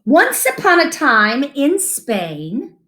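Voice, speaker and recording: This high-voiced woman is a children's story-time reader sharing a picture book aloud. Her storytelling is deliberate, soft and expressive, with little remarks about the pictures along the way.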